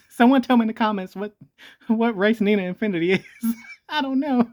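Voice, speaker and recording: Vlogger, voice changer morphing the voice, wobbly shifting pitch, rambling, jokey, self-correcting. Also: moderate pace. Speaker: video host. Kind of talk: rambling comedic commentary.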